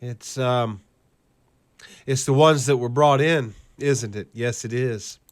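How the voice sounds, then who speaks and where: A slow-speaking man with a mid-range voice hosts a current-events video, ranting over clips with cursing, scorn and sarcasm. His list readings keep a steady cadence.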